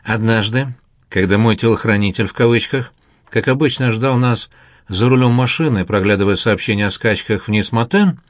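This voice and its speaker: Low-voiced man narrating an audiobook. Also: moderate pace, no echo, studio quality.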